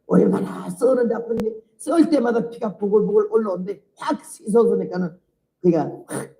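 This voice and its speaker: An older woman missionary recounts her testimony from the pulpit with vivid, animated storytelling and frequent laughter. Her voice is warm and dark in tone, and it rings out in a reverberant church hall. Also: lowish voice. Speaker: missionary preacher. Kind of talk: sermon testimony.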